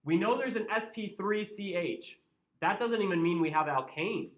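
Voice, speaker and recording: A man whose voice sits high teaches chemistry at a normal speed, sounding expressive as he jokes with students, asks them questions and talks in a Midwestern American accent. His classroom lecture is recorded with a roomy, distant, dull sound.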